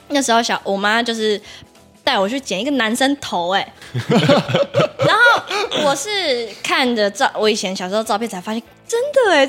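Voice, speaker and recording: A woman dance teacher, telling stories on a podcast in an animated, laughing way. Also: medium pitch. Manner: animated, laughing retelling with playful repetition. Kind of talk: podcast storytelling.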